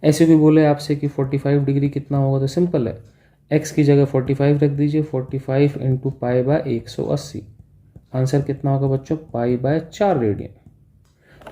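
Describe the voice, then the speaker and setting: A man's voice: medium pitch, fairly even intonation, normal speed, mellow. A man teaching physics in a classroom-style lecture, explaining step by step and often checking in with his students. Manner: speaks directly to students as "बच्चों" and "भाई".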